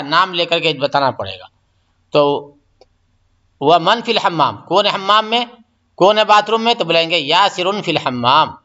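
Male teacher, fairly high and bright voice, slow and patient, repeats every phrase; dull lo-fi recording. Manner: patient, repeats each phrase and explains step by step. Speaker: Arabic teacher. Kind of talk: recorded grammar lesson.

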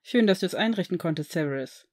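A woman reading the lines of a cheerful, friendly young man who runs a shop, in a gentle, reassuring tone. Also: lowish voice, animated, fast talker.

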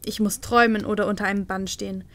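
A woman reading a storybook voices a proud, jealous, grieving queen who speaks loudly and forcefully. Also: medium pitch, level tone, quick pace, close to an everyday voice. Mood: anguished. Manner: loud and forceful, with sobbing outbursts.

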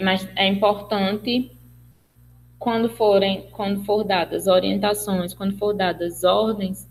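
A woman from Brazil, speaking with a Brazilian Portuguese accent, delivers a webinar lecture. Her pitch sits in the middle range. She explains point by point, often pausing on fillers and correcting herself. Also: rough recording. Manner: explanatory, with many fillers and restarts, acting out example phrases. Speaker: speech therapist lecturer.

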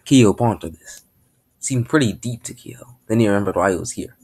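A man's voice: fairly low pitch, animated, fairly quick, darkish tone, breathy edge. A man casually reading aloud his own story, in an offhand manner with frequent restarts.

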